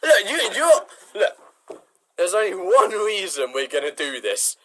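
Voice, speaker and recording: Brief: high-voiced male improviser, lively swings, barstool-debate bluster, noisy clicking mic. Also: measured pace. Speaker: improv contestant. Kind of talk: improv comedy banter.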